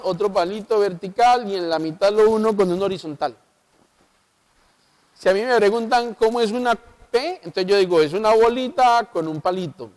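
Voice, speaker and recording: Man, pastor, Colombian accent, high voice, televised Bible lesson, rhetorical questions. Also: a little mellow. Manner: explanatory, asks the audience rhetorical questions. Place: local TV studio.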